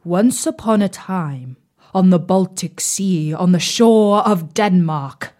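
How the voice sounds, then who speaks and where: A woman's voice: lowish voice, slow, mellow. A woman voicing a grand old oven telling its life story in a storybook.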